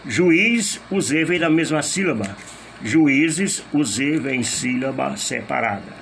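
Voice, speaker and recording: Slow, patient male teacher explaining rules. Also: mid-range voice, animated, gravelly, fairly bright tone, slight background noise. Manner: patient, repeats rules step by step with rhetorical questions. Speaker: Portuguese teacher. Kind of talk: recorded grammar lesson.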